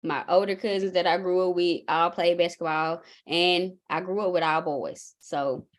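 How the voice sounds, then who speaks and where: A young woman with a Southern drawl from Mississippi, talking in a relaxed, folksy way as an interview guest. Her voice sits a little low for a woman, and she tells things in easy, rambling runs. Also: moderate pace. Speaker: basketball coach, guest. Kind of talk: casual interview.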